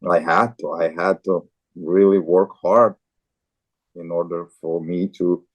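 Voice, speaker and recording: A man in his forties from Azerbaijan, a guest in an interview, speaking haltingly with many repeated and restarted words. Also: low voice, flat delivery. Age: 40s. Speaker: guest, farrier and show jumper. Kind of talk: casual interview talk.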